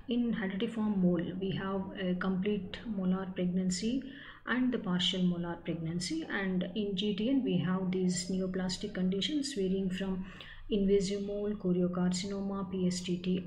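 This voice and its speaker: Female lecturer, middle-aged, measured explanatory delivery; reverberant room, noisy webcam-style sound. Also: medium pitch, a little mellow. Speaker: medical professor giving a lecture. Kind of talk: online slide lecture. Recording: echoey room with clear background noise.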